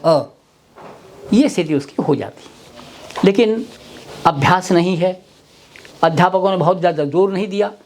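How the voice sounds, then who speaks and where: A man giving a Hindi grammar lecture, deliberately repeating sounds and words to demonstrate their pronunciation. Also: high voice, a little mellow. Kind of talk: slow explanatory webinar lecture. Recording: faint background noise with clicks.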